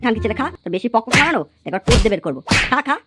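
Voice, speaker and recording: A woman voicing a crude, hot-tempered father in a cartoon, who swears constantly and yells threats at his son. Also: fairly high pitch, big pitch swings, racing, over loud music. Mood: scolding. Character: crude hot-tempered middle-aged father, foul-mouthed. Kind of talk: cartoon voice acting.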